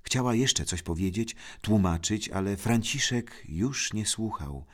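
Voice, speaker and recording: A man calmly narrating a storybook in a measured reading voice. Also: on the low side, a little hiss or hum. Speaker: audiobook narrator.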